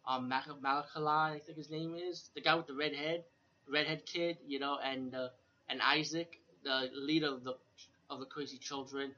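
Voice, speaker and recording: At normal speed, a man with a fairly high, sharp, steady voice hosts a casual horror film retrospective, rambling and unscripted. He's repetitive and a bit profane, often tossing in "you know." An air conditioner fan runs nearby, and the recording sounds dull and lo-fi.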